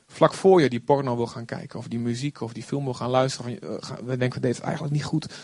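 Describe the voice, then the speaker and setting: A man preaching a sermon, animated, acting out quotes with sudden loud outbursts. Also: mid-range voice, fast, vocal fry, dry recording. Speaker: pastor.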